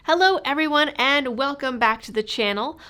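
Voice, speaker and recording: A woman's voice: high-pitched, normal speed, very noisy. A woman with a cold, her voice stuffy and muffled as if talking through a fishbowl, hosting a political commentary channel with sarcastic, pointed delivery.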